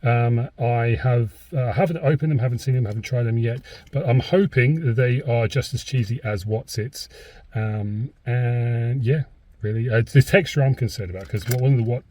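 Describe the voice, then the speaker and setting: A British man with a slightly husky voice gives a casual, rambling food review to camera, hesitating as he goes, recorded inside a car. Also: medium pitch, a little mellow, a little hiss or hum.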